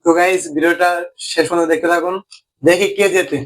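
Fast, high-voiced man hosting. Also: steady tone. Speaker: host of a food challenge video. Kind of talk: casual challenge vlog talk to friend and viewers.

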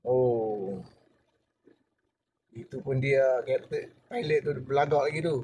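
A man's voice: mid-range voice, slow, dark tone, slight background noise. An older man with a Malaysian Malay accent, a former deckhand telling a story in a casual, chatty way, speaking to the listener as to a younger person and acting out what others said.

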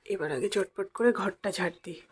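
A woman's voice: fairly high pitch, fairly quick. A young woman vlogger with a regional West Bengal Bengali accent, talking casually to her viewers while doing chores at home. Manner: chatty, addresses viewers directly with asides. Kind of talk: casual daily-life vlog narration. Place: home, moving between rooms and rooftop.

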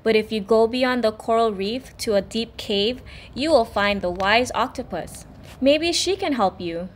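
A woman voicing a calm, gentle starfish in a storybook reading, speaking in a measured way. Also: fairly high pitch, slight background noise, close to an everyday voice.

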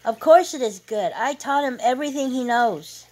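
A woman voicing a loud teasing older uncle. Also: medium pitch, unhurried, natural voice, low-quality recording. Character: joking older uncle with gray hair.

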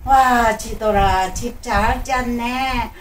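A woman's voice: a little high, fairly even intonation, drawn-out words. An elderly woman with a grandma voice playing a friendly, curious old elephant grandmother in a children's story. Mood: friendly, admiring. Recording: roomy, distant mic, faint noise.

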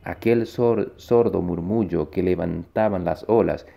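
A man's voice: deep voice, creaky, lo-fi sound. A man reading a short story aloud in first person, stumbling and restarting words as he goes. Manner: halting read-aloud with frequent restarts. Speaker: reader.

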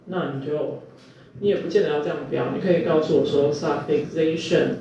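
A man's voice: fairly high pitch, fairly even intonation, fairly quick, noisy background. A male university lecturer, teaching a class and quizzing students with repeated questions. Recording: echoey room, distant mic, muffled.

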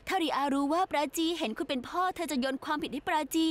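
A woman's voice: sits high, fast, natural voice. A woman voicing an anxious, protective young friend. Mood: alarmed. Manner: urgent, insistent. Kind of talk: Thai TV drama dubbing.

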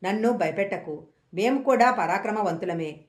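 A woman's voice: medium pitch, animated, moderate pace, close to an everyday voice. Woman reading as an arrogant, mocking king. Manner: boastful and mocking, read plainly. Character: arrogant lustful male king abducting a queen. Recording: echoey room.

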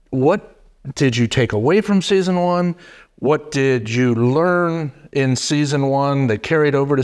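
A middle-aged man hosting a casual podcast interview, talking haltingly with many fillers and restarts into a desk mic in a wood-paneled studio. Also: mid-range voice, darkish tone. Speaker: podcast host. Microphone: boom mic on desk stand.

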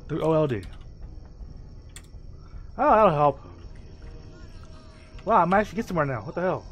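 Excitable high-voiced man playing a game. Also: moderate pace, lo-fi sound. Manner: excitable, laughs often, yelps when hit. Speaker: game player, co-host. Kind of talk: casual let's-play banter.

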